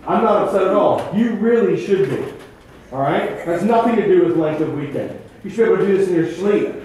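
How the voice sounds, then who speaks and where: Brisk man directing a choir. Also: sits high, expressive, a little mellow. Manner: brisk, demanding, pushes the group. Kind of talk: rehearsal direction. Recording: echoey room, far mic, faint noise.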